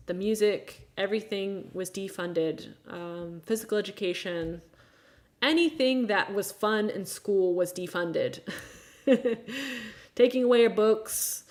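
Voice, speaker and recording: A woman in her thirties from the United States hosts a relaxed live chat with her viewers. She speaks frankly and plainly. Her tone turns exasperated at times, with dry sarcastic asides. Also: mid-range voice. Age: 30s. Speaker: livestream host.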